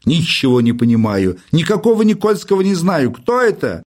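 A testy professor rants and lectures, his voice climbing high with irritation, as a man puts him on. The pitch leaps about in a lively, animated way. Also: moderate pace. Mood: irritated. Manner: exasperated, lecturing. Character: irritable fussy male professor, middle-aged.

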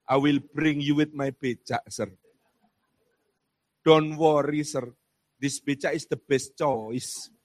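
A man's voice: fairly even intonation, slow, long pauses, darkish tone, no room sound. A man voicing a confident male pedicab driver who touts rides in broken, Javanese-accented English. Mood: eager. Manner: boastful, eager sales pitch in broken English.

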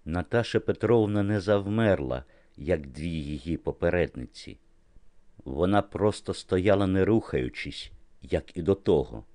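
A man reading an audiobook novel as narrator, in a measured literary manner. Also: low-pitched, expressive, warm tone, no echo. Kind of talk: scripted narration.

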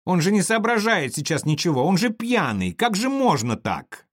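Young woman tourist, pleading and scolding, voice pushed up high, dry sound, man doing her. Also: big pitch swings, normal speed, dry recording. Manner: pleading, reproachful.

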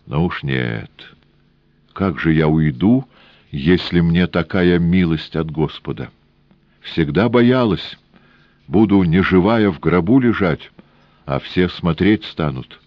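A man's voice: sits low, animated, slow, dry recording, lo-fi sound, heavily acted. A man voicing a desperate, defiant young woman who holds a revolver and speaks with fatalistic resolve. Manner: fierce and fatalistic.

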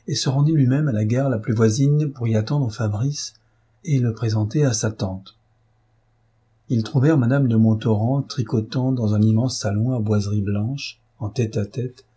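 A man reading a classic novel aloud as a steady, even audiobook narrator. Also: medium pitch, breathy edge. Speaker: audiobook reader.

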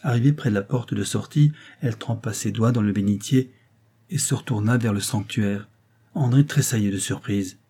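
A man reading a classic novel aloud as an audiobook, in a measured, calm way. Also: fairly low pitch, slightly rough. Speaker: audiobook reader. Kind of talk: literary audiobook narration.

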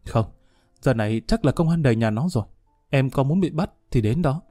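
A man's voice: medium pitch, expressive, fairly quick, warm tone, no room sound, studio quality, faint music behind, natural voice. A man doing a violent jealous young thug. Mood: tense.

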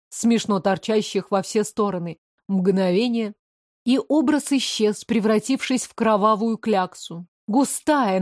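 Woman reading an audiobook, dramatic and tense, kinda high voice, super dry sound. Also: a little mellow, dry recording. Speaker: audiobook narrator. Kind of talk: scripted narration.

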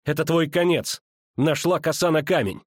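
A man's voice: fairly high pitch, moderate pace, breathy edge, dry recording, studio quality, pitched above the performer's own voice. Man putting on a defiant young swordswoman. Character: defiant young woman fighter, tense and urgent.

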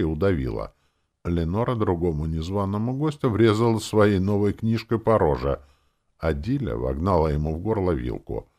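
Мужчина читает фэнтези-аудиокнигу от первого лица, драматично, то мрачно, то насмешливо. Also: male voice, rumbling low, vocal fry, darkish tone. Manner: dramatic, swinging between grim and mocking. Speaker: audiobook narrator. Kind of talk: first-person audiobook narration.

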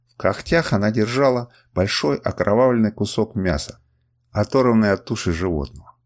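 Low-voiced man narrating an audiobook. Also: darkish tone. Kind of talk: first-person audiobook narration.

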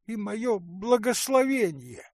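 A man's voice: high-pitched, very animated, takes it slowly, darkish tone, dry recording, pitched above the performer's own voice, heavily acted. A sentimental middle-aged noblewoman, voiced by a man reading the book aloud, pleads in a lifted, sing-song voice that rises and falls with drama. She drags out her words tearfully. The recording is dry and close. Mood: pleading. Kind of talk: audiobook character reading.

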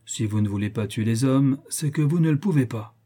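A man's voice: medium pitch, brisk, dark tone, husky, close to an everyday voice. A man playing a giant tyrant king who speaks bluntly and commandingly. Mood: doubting. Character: giant tyrant African king, suspicious and threatening.

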